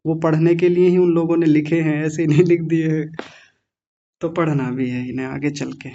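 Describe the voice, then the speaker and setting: A man teaching an online class, slowly drilling the correct pronunciation of each word. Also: a little high, fairly even intonation, warm tone, muffled recording. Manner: slow, careful pronunciation drill.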